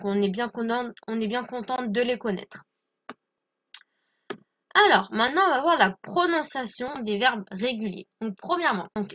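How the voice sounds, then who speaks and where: Woman teacher, higher voice, patient step-by-step explainer, dull lo-fi recording. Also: fairly bright tone. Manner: clear, patient explaining with frequent "d'accord?" check-ins. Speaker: English teacher. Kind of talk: French-language English lesson.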